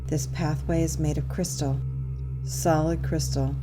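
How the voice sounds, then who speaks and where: A woman narrating a guided meditation in a calm, soothing, unhurried and measured way. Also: deep voice, poor audio. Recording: New-age music under the voice. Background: New-age music.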